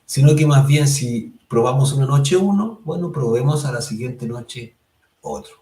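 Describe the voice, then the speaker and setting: A man of middling pitch leads a meditation lesson in a calm, explanatory way, often pausing to check that listeners follow. He stretches chant syllables out slowly. His voice reaches the mic from a distance in a reverberant room. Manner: calm and explanatory, tags phrases with "¿cierto?"; draws out mantra syllables slowly. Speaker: spiritual course instructor. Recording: roomy sound, mic at a distance.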